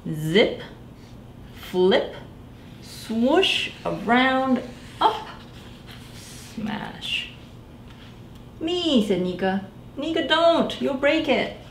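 A librarian in her thirties reads a picture book to children at an extremely slow pace, her high-pitched voice broken by long pauses. She stays animated, performs the characters' voices, and speaks directly to the kids in a small indoor library room that sounds echoey, with faint background noise.

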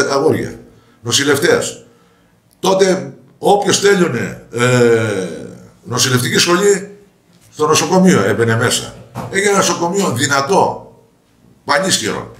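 A man's voice: a little high, a bit bright. An older man, a parliamentary candidate, answering interview questions with anecdotes and acted-out quoted dialogue. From Greece. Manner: storytelling, acting out quoted dialogue. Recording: roomy echo.

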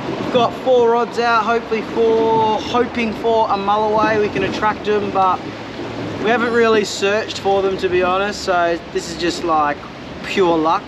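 An Australian man vlogging from a small boat on a windy river, talking in a laid-back, slangy way with sudden loud whoops. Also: sits high, little pitch movement, moderate pace. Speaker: fishing vlogger. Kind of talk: casual outdoor vlog narration.

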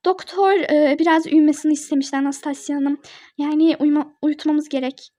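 Bir kadının oynadığı nazik hastane hemşiresi. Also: female voice, high-pitched, steady tone, moderate pace, mellow, close to an everyday voice. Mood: gentle. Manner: soothing, polite, hesitant. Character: calm reassuring hospital nurse, woman.

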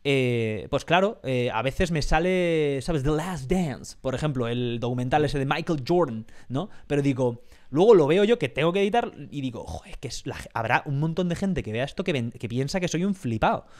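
A man's voice: fairly high pitch, animated, normal speed. A man from Spain hosting a podcast, speaking with a Spain Spanish accent in casual chat, rambling through many fillers and restarts. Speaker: podcast host.

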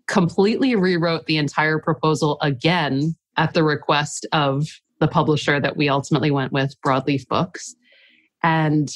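A woman author and coach, her deep voice a bit stuffy from a cold, earnestly tells her story as a guest on a casual podcast interview. There's no echo on the recording.

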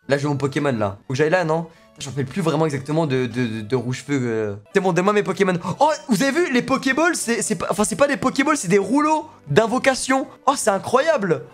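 A young man streaming a video game, chatting casually in slang and joking as he plays. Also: high-pitched. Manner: slangy, joking, reacting aloud. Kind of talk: casual let's play commentary.

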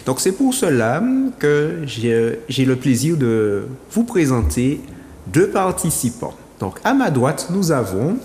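A man's voice: mid-range voice, very animated, slow pace, darkish tone. A man hosting a studio book show, presenting in a formal, welcoming way. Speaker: TV show host. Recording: roomy studio with long reverb and faint noise.

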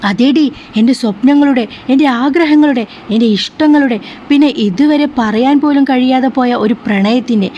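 A woman's voice: sits high, moderate pace, warm tone, lightly acted. Lady reading a bitter young husband, cold and sneering, kinda muffled with a faint hiss. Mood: scornful.

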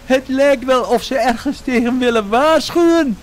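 A man voicing a kind, brave female horse who talks in a wondering, lively way in a storybook. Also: very high voice, normal speed, slight background noise, voice pushed up. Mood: eager.

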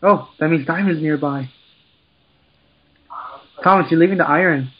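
A man chatting casually while playing a game with friends, excitable and quick with tips. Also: a little high, slight background noise. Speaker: gamer. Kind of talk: casual gaming chat. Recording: dull lo-fi game mic.

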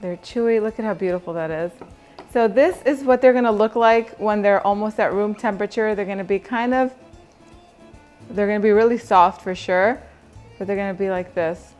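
A woman's voice: medium pitch, fairly even intonation, normal speed, darkish tone, soft background music. A woman hosting a cooking video, chatting upbeat as she walks viewers through each step in a home kitchen. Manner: chatty, upbeat, instructional, addresses viewers directly. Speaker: cooking channel host. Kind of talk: casual cooking demonstration.

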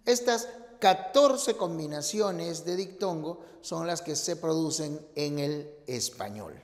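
Man, grammar teacher, very slow, deliberate, examples spelled out one by one, long reverb. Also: on the high side, expressive. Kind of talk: grammar lesson.

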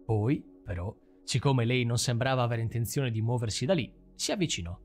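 A man reading stories aloud as the host of a storytelling channel, in a calm, even manner. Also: medium pitch, fairly quick. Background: background music.

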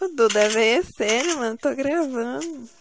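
A woman's voice: sits high, lively intonation, moderate pace, background noise. A woman from Brazil hosting a gaming video from home, bossing and teasing her teammates in exasperated banter. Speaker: gameplay channel host. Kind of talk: casual gaming commentary.

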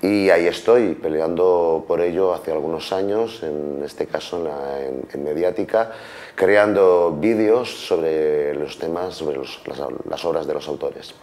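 Deep-voiced guy, hoarse today, talking earnestly as a tv guest. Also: measured pace, a little mellow. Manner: earnest, lists things in series. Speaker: guest, online cultural communicator. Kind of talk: TV interview answers.

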